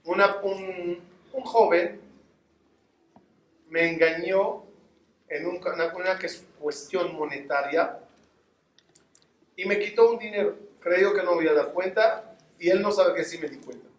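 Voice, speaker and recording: A man's voice: sits high, a little slow, pauses often, far from the mic, slight background noise. A man, a rabbi, preaching a sermon and telling stories, talking straight to his listeners. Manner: animated storytelling, addresses the audience directly. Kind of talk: sermon with storytelling. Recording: echoey room.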